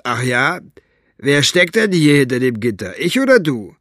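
A man's voice: medium pitch, sing-song, moderate pace, a bit bright, no room sound, studio quality, pitched above the performer's own voice. A man voicing a coarse, smug male henchman who mocks and gloats. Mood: gloating. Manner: gloating, sneering, grunting.

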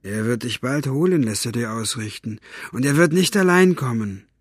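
A man's voice: medium pitch, animated, normal speed, husky, dry recording, clean studio sound. A man reading an audiobook, voicing a captive who talks lightly to hide his fear. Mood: forced light. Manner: forced cheerfulness with hidden fear.

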